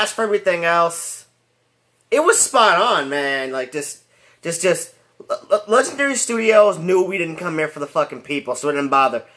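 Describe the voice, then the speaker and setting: A man's voice: mid-range voice, fairly bright tone. A man giving a rambling casual movie review, full of restarts and fillers and laughing at his own jokes.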